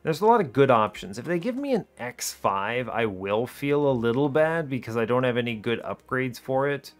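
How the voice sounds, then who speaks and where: Over background music, a gaming video host with a mid-range voice and lively intonation talks at a moderate pace. He offers casual strategy game commentary, thinking aloud and second-guessing his choices as he explains his reasoning.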